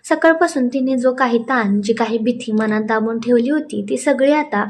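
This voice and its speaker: A woman's voice: a little high, normal speed. Emotive woman narrating a love story. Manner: emotive, dramatic. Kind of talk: dramatic audio story narration.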